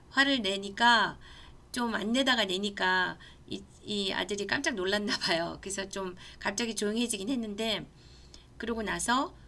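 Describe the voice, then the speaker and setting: A woman's voice: mid-range voice, creaky, sharp tone. Earnest woman lecturer with a Gangwon accent. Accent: Gangwon Korean. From Gangneung, Korea. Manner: earnest, conversational teaching with personal anecdotes. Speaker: college lecturer. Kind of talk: online class lecture.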